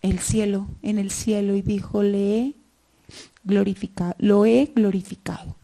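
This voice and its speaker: Slow, hushed woman preacher. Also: fairly even intonation, vocal fry. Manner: slow, dropping to near whispers for scripture and rising to fervent high cries. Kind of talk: Sunday sermon.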